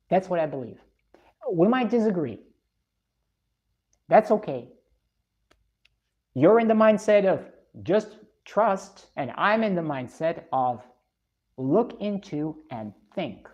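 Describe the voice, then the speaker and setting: Low, dark-voiced woman, blunt live streamer, slightly dull lo-fi sound. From Russia. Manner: blunt and opinionated. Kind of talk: live stream chat reading comments.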